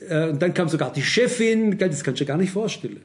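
A man's voice: fairly high pitch, animated, quick pace. An older man preaching a sermon, earnest and warning, repeating phrases for emphasis.

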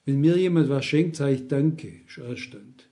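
A man's voice: on the high side, moderate pace, mellow. A man in his sixties preaching a sermon, emphatic and constantly asking his listeners rhetorical questions.

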